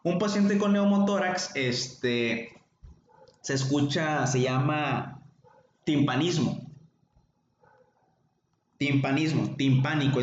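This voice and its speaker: This man's voice is mid-range. A medical lecturer with a Mexican Spanish accent, he runs an informal online class in a chatty, joking way and calls on students by name, captured in an echoey, dull lo-fi room recording with a little hiss or hum.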